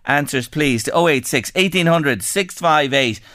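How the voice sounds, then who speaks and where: A man's voice: a little high, moderate pace, fairly bright tone, dry recording, studio quality. An Irish man presenting a chatty local radio show in an effusive, folksy manner, with plenty of rhetorical questions.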